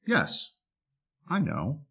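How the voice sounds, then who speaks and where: A man voicing a calm, unafraid young lamb who answers quietly in a told story. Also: lowish voice, slow, breathy edge, voice pushed down, full character voice.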